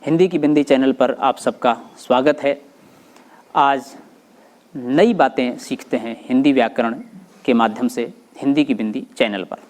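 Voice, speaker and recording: A man hosting his own channel and teaching a grammar lesson for exam preparation, explaining terms one by one with short pauses. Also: mid-range voice, noisy background.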